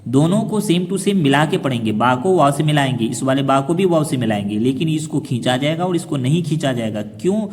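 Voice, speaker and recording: Male teacher for children, who quizzes and then answers himself and draws out each sound; slightly high voice in a reverberant space. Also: lively intonation, a little mellow. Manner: asks questions and then answers them himself, slowing down to spell out syllables. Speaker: Quran reading teacher. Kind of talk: explaining a lesson to children.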